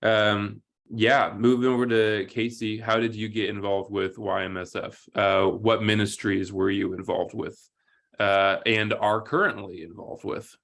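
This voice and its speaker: Low-voiced man hosting, halting with fillers. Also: flat delivery, vocal fry, fairly bright tone. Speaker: volunteer coordinator, interviewer. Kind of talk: casual conversational interview.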